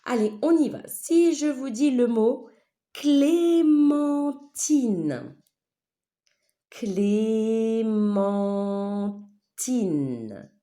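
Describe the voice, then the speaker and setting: A woman teacher, leading a phonics lesson for young children, stretching sounds slowly and often checking that they follow. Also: sits high, mellow. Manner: slow, exaggerated syllables with a wide smile; patient, checks understanding often.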